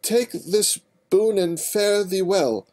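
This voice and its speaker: A man voicing an anxious, bookish young female unicorn with a high, fretful voice. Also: a little mellow. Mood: mock regal. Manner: fretful, rapid, raised.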